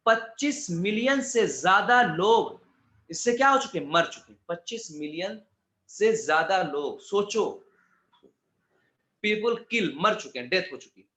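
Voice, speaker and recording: A man's voice: high-pitched, animated, unhurried, fairly bright tone. A man teaching an exam-prep class in a casual, chatty way, calling students "beta" and tossing in jokes and asides. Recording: echoey room, slightly dull sound.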